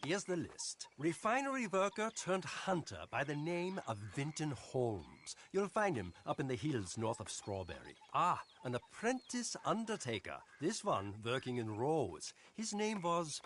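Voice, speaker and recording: A moneylender. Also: male voice, on the high side, sing-song, unhurried, few pauses, a bit bright, slight background noise. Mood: smug, businesslike. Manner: formal, dryly amused. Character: shrewd male moneylender, polite and cold.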